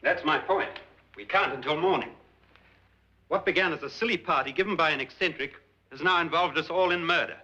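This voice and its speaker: Stern, accusing doctor, deliberate and logical, forceful medium-pitched voice, dull vintage film audio. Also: male voice. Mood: grave. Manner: deliberate, interrogating. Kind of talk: vintage suspense film acting. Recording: dull old film soundtrack.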